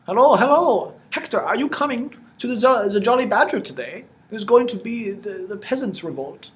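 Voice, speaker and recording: A chirpy, eager villager with a raised voice, as a man puts him on for a tabletop game. He chatters in a loud, bright, lifted tone, well above the man's own voice. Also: high voice, animated, moderate pace, voice pushed up. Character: chirpy male villager stirring up a revolt.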